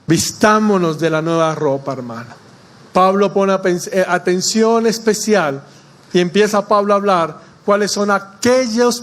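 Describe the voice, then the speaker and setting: A male pastor delivering a Sunday sermon with a notably high voice. He keeps putting direct questions to the congregation and leans on homely stories and light humor to make his point. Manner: preaching with rhetorical questions to the congregation; folksy, anecdotal delivery with humor.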